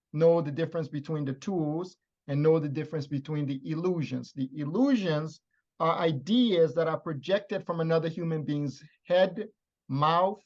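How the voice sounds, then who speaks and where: A man's voice: fairly high pitch, a little mellow, muffled recording. A man from Liberia teaching in a lecture style, stressing his points with repeated phrases. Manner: emphatic, repetitive teaching phrases.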